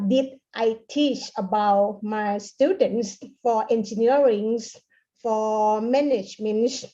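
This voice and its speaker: A woman with a Thai accent and Thai as her first language gives a conference presentation, speaking haltingly and repeating words. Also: fairly high pitch, mellow. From Thailand. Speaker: keynote speaker, university lecturer. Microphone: online conference call. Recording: dull, lo-fi online call audio.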